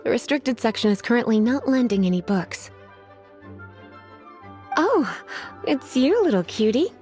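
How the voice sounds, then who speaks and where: A woman's voice: fairly high pitch, very animated, measured pace, darkish tone. An actress playing a languid, teasing woman librarian who drawls and sighs, in a game with faint music behind. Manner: drawling, sighing, sultry teasing.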